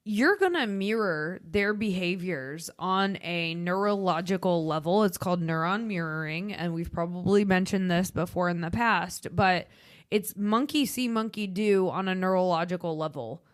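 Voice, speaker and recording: This is a woman in her thirties with a Chicago accent, talking on a podcast in a frank, emphatic way. Her voice sits a little low, and the recording is close and dry. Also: moderate pace, no room sound. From Midwestern United States. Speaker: podcast co-host. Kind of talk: casual podcast chat.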